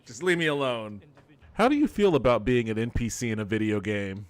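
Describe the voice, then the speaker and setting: A man who streams video games and hosts a podcast gives casual gameplay commentary, sounding amused, incredulous, and sweary. His medium-pitched voice is expressive and fairly quick, with a little hiss or hum on the audio.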